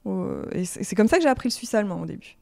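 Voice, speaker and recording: Chatty Alsatian woman with a mellow voice. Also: medium pitch, lively intonation, very fast, vocal fry. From Alsace, France. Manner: chatty, with many fillers and restarts. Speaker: choir founder and conductor. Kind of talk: casual interview chat.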